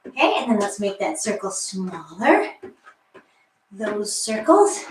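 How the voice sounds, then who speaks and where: A woman's voice: mid-range voice, big pitch swings, takes it slowly, a little hiss or hum. Echoey basement fitness instructor, a woman. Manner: chatty, cueing moves between asides. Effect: echoey room sound. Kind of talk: live workout instruction. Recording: echoey basement room, voice far from mic.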